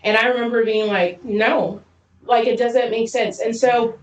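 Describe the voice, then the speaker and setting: A woman from Zambia co-hosting a podcast, telling stories quickly and lively with frequent laughs. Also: a little high. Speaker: podcast co-host. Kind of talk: casual chat. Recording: roomy echo, distant mic.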